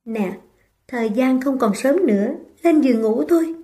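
A woman voicing a gentle young woman, tipsy and tender, speaking softly. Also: high-pitched, lively intonation, moderate pace.

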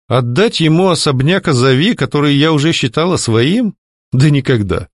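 A man's voice: fairly high pitch, expressive, moderate pace, no echo, clean studio sound, pitched above the performer's own voice. A man voicing a bold young heroine who answers her captor in a teasing, sweetly mocking way. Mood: sweetly defiant.

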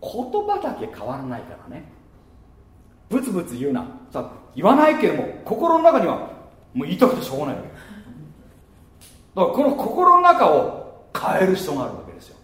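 A man preaching a sermon as pastor, lively and playful, slipping into muttered mocking asides. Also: high-pitched, a little fast, pauses often, echoey room. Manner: lively, mutters mocking asides and laughs at his own jokes.

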